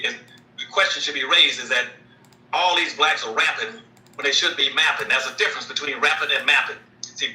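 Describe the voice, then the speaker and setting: A man's voice: mid-range voice, recorded from a distance. A man speaking as a guest in an emphatic lecturing way, hammering home repeated phrases over a video call. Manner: forceful, repeats key phrases. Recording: roomy sound, away from the mic.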